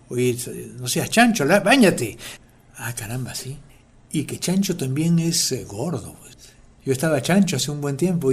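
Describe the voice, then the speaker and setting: A man's voice: medium pitch, mellow. A man with a Peruvian Spanish accent hosting a language segment and explaining words in a playful way. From Peru. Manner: playful, acts out everyday quotes. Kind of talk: explanatory talk.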